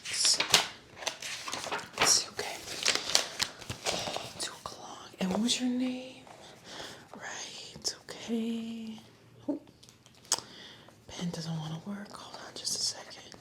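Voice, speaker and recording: A woman whispering softly and slowly in an ASMR roleplay as a spa esthetician, chatty and reassuring. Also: a little high, expressive. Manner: soft whisper, slow and soothing, chatty reassurance.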